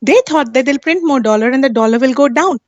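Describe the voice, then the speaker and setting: A high-pitched woman talks quickly in a casual discussion, explaining insistently and often using tag questions to check that the listener agrees. She's a guest on a live talk stream, captured in a dry recording with the highs cut off.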